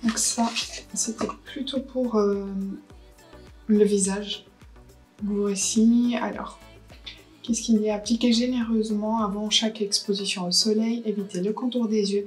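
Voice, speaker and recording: A woman's voice: medium pitch, low-quality recording. A woman, chatting casually through a beauty haul and unboxing, thinking aloud with lots of hesitations. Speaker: beauty vlogger.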